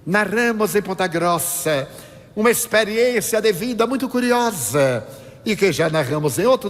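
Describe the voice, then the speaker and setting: A Brazilian spiritist speaker, an older man whose voice sits high for a man, delivers a lecture full of anecdotes, acting out the dialogue with lively animation. A long reverb from a large hall rings through the sound.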